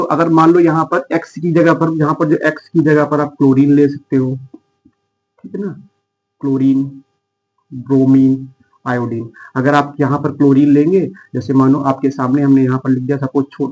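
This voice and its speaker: A man's voice: fairly high pitch, darkish tone, low-quality recording. A man teaching chemistry in a casual, chatty lecture style, talking to students as he writes.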